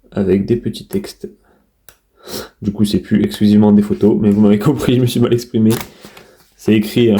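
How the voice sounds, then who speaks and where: A man's voice: on the low side, warm tone, slight background noise. A man casually showing his disc collection in an unboxing video, talking in a chatty, hesitant way with many fillers and restarts.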